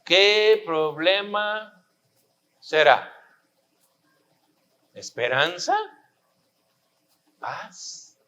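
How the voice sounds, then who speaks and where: A man preaching a sermon in a high, unhurried voice. He drives his points home with rhetorical questions and repeated lines. The recording sounds a little muffled. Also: lively intonation, pushed and bright. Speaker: pastor.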